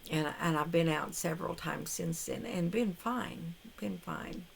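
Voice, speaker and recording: A woman's voice: sits low, a little slow, creaky, a little hiss or hum. An older woman vlogging casually to camera, rambling and hesitant, with frequent restarts. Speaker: vlogger on a carnivore diet challenge. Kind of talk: casual talking-to-camera vlog.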